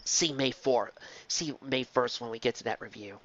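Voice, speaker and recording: Heard up close on a dull, dry lo-fi recording, this fan fiction reviewer speaks at a moderate pace in a mid-range voice. The monologue is loose and wandering, full of digressions and restarts partway through phrases.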